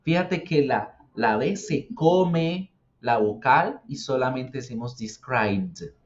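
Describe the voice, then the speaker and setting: Male teacher walking a learner through pronunciation, patient and slow in his repeats, muffled lo-fi recording. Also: medium pitch, expressive. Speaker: English teacher. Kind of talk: explaining English grammar and pronunciation. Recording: dull lo-fi sound.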